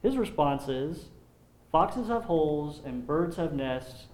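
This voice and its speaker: Man, preacher, earnest sermon, measured delivery, somewhat high voice, reverberant room. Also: lively intonation, a little mellow, a little hiss or hum. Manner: earnest, measured, repeats words when restarting. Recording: echoey room.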